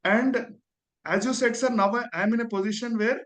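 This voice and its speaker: A high-pitched male voice with an Indian accent gives an earnest testimonial. He is respectful and deferential, frequently tagging "sir" onto the ends of his phrases. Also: steady tone, fairly quick, a bit bright. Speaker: dentist, guest giving a testimonial.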